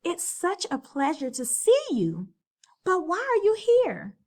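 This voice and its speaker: A woman voicing a kind, brave young woman in a storybook read-aloud, with gentle, earnest delivery. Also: very high voice, wildly swooping pitch, slow, voice pushed up, full character voice. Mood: delighted.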